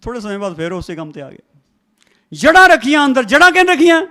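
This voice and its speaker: A man's voice: very high voice, big pitch swings, quick pace, bright, forceful tone. A man preaching a sermon to a congregation in church, emphatic and repetitive, calling for responses. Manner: emphatic, repeats phrases, calls for congregation response.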